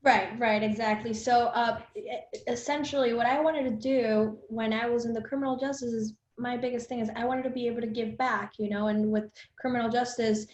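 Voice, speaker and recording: A young woman from Colombia speaks as a podcast guest, earnest and quick, her phrases strung together with fillers. The sound is roomy and somewhat dull, as if recorded in a bare room on a modest mic. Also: fairly high pitch, fairly even intonation, a little mellow. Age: 20s. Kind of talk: casual interview chat.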